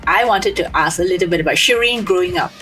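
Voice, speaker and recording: A woman hosts the conversation and asks her guest friendly, open questions, checking in with a quick "right?". Her voice is a bit lower than most, with light music faintly behind her. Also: pushed and bright, rough recording. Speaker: interviewer, host. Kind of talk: interview conversation.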